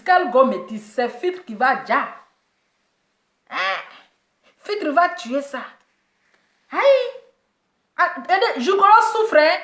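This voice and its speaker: A woman delivers a mocking gossip rant in a high, bright-pitched voice, teasing and repeating her jokes with laughter. The sound is echoey, as if recorded in a bare room. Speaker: commentator reacting to celebrity gossip.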